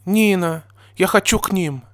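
Guy putting on a shy stammery pony girl for a storybook, pitched way up, dry close sound. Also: unhurried, a bit bright, no echo. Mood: tearful. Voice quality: stammering, tearful. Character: timid stammering cross-eyed pegasus pony mare.

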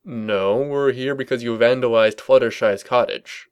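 A man's voice: mid-range voice, unhurried, smooth, muffled recording, close to an everyday voice. A man voicing a puzzled, matter-of-fact male pony guard captain.

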